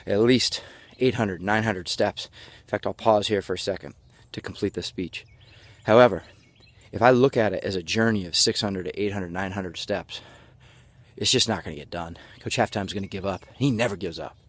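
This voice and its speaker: A man's voice: sits low, normal speed, no echo. A man delivering a halftime pep speech as a motivational coach, breathless from exertion and talking in a folksy, jokey way. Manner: breathless from exertion while walking; folksy, jokey self-narration in the third person.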